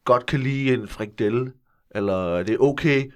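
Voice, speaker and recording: A man in his thirties playing an earnest male workshop leader who preaches crude national pride, hesitant and full of fillers, for a deadpan comedy interview. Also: medium pitch, natural voice. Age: 30s. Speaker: guest.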